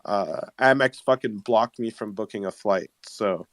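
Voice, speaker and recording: A man's voice: on the low side, a little slow, a crowd in the background. A man chatting casually on a live audio call, ranting and swearing freely about travel trouble. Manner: swears a lot, frustrated rant. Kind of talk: casual chat.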